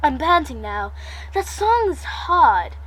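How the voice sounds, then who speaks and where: A young woman reading her fanfiction aloud in an animated, giggly way, often stumbling over her words. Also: high-pitched, takes it slowly, poor audio. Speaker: fanfiction reader and vlogger.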